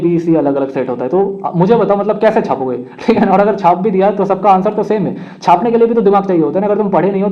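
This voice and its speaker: Fast-talking young man counselling students. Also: high-pitched. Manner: frank, brotherly, keeps asking "ठीक है ना". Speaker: education counsellor. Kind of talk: casual explainer to students. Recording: slightly dull lo-fi sound.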